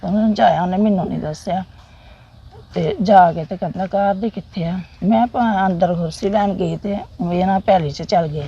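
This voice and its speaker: This mellow, mid-range voice belongs to a middle-aged woman from Jammu with a Punjabi accent, a soldier's widow whose halting, plain recollections circle back on repeated phrases. The audio is muffled with a bit of hiss or hum.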